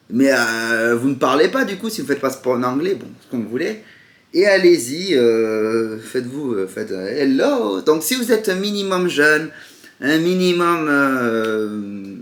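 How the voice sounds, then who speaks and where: A man's voice: medium pitch, reverberant. A man from the south of France with a southern French accent, rambling sarcastically in a casual monologue to camera. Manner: sarcastic, rambling, jumps into mock voices. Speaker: vlogger.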